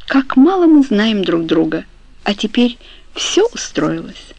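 A woman voicing a tender, sleepy young husband who talks softly and affectionately, in a dry close recording. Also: medium pitch, big pitch swings, measured pace, no room sound, rough recording. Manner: soft, affectionate, murmuring.

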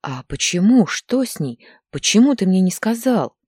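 A woman's voice: medium pitch, very animated, moderate pace, a little mellow, breathy edge, dry recording, studio quality, voice pushed up. A woman voicing an upset middle-aged woman who accuses and pleads in an audiobook story. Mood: shaken. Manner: agitated, accusing.

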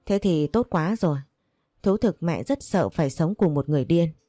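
A woman's voice: low-pitched, animated, normal speed, mellow, dry recording, clean studio sound, faint music behind. A woman voicing a bitter, controlling older mother who scolds her son and pities herself. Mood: scolding. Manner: scolding, self-pitying.

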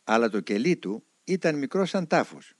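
A man reading a spiritual memoir aloud as narrator, with expressive storytelling. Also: medium pitch, no echo, clean studio sound.

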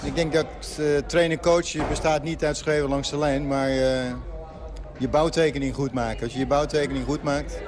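A man, a football coach, giving a post-match interview outdoors, speaking deliberately with many hesitant pauses. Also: on the high side, fairly even intonation. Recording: outdoor interview with crowd behind.

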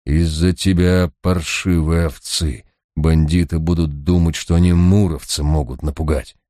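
A man voicing a grim senior detective who speaks quietly, slowly and bitterly. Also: low-pitched, level tone, no room sound, studio quality.

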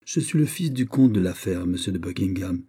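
A man reading aloud, voicing a calm, cold and proud young French nobleman in an audiobook. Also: deep voice, a little fast, breathy edge. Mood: haughty.

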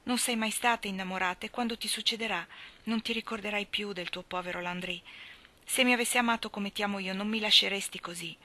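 A woman's voice: medium pitch, steady tone, quick pace, sharp tone, natural voice. A woman reading the lines of a young lovesick country lad with an urgent, pleading delivery.

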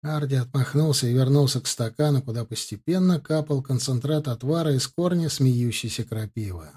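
Husky man reading an audiobook. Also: mid-range voice, a little fast, dark tone. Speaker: audiobook narrator. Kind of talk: scripted narration.

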